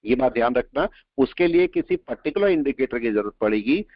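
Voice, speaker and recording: A man teaching a live trading class, explaining points and quizzing his students with quick questions. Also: medium pitch, expressive, dry recording. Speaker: trading instructor. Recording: dull lo-fi audio, dry.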